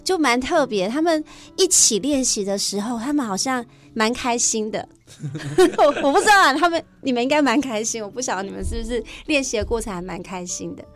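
A woman with a Taiwanese Mandarin accent, interviewed as a teacher, explains things conversationally in a fairly high, animated and fairly quick voice. She affirms often and drops in the odd English term, with soft music in the background.

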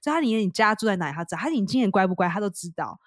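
A woman telling a funny story in a casual chat, laughing often and acting out quotes in higher voices. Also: expressive, rapid-fire, no room sound, clean studio sound. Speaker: podcast co-host.

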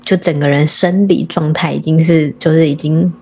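A woman's voice: sits low, fairly even intonation, moderate pace, mellow, slightly rough. A woman, telling a long story as a podcast guest in casual chat, often restarting her sentences.

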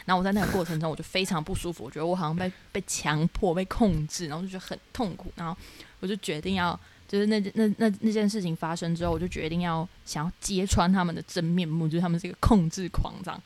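A young woman from Taiwan, co-hosting a podcast, telling her dreams in animated casual chat full of fillers. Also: fairly low pitch, quick pace. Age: young adult. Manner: animated storytelling with many fillers. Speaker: podcast co-host.

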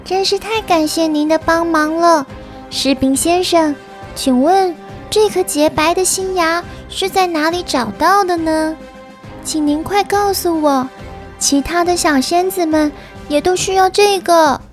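A woman's voice: very high voice, unhurried, faint music behind. A woman voicing an earnest, polite little fairy girl in a children's storybook, with a tiny, sweet, childlike delivery. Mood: grateful, eager. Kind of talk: children's audio storybook acting.

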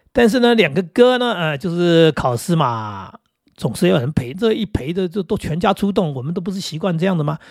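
Husky-voiced middle-aged man telling stories. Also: a little high, a little mellow, dry recording, clean studio sound. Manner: chatty, with many fillers and asides. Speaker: podcast host and father. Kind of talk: casual storytelling.

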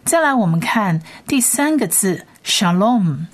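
A woman teacher leading a Bible Hebrew reading lesson, slowly and patiently sounding out each letter. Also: mid-range voice, very animated. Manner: slow, patient spelling-out of sounds.

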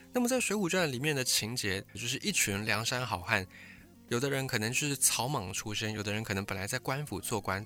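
A man's voice: on the low side, pushed and bright. A man, hosting a history channel and explaining the story behind a classic novel. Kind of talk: scripted history talk.

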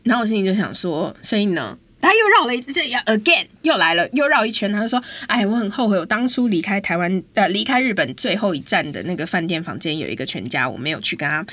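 A woman's voice: mid-range voice, big pitch swings, fast, few pauses, a bit bright, no echo. A woman, telling a story in a casual, exasperated chat as host. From Taiwan.

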